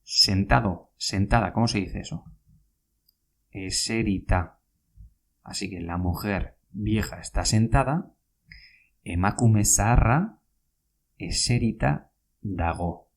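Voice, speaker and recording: A man teaching Basque vocabulary in a podcast lesson, speaking slowly and patiently and repeating each word. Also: lowish voice, vocal fry.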